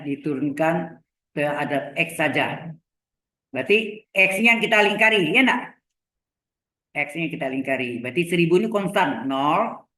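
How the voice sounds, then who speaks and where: Slow, echoey male lecturer. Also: a little high, pushed and bright. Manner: slow, repeats terms, asks checking questions. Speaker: university lecturer. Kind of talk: live lecture on vector calculus. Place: classroom or video class. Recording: echoey room.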